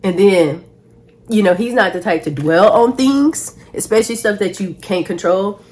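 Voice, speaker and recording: A young woman vlogger telling a casual storytime in a slangy, animated way, laughing often. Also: mid-range voice, normal speed.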